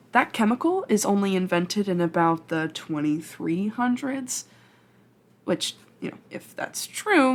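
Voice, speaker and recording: Speaking to the listener in an ASMR roleplay, a woman takes the part of an awkward, flustered time traveler from the future who chats, halts, and rambles. Her voice is mid-range with a fairly bright tone.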